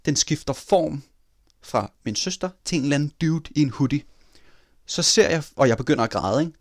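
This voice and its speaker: A man in casual chat telling a personal story in an animated way, swearing casually. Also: on the high side, no room sound, clean studio sound.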